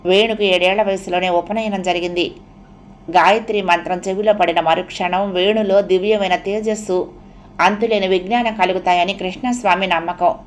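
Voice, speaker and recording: A woman storyteller reading an audio novel aloud in a steady, measured way. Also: medium pitch, a little hiss or hum. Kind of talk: scripted audio novel narration.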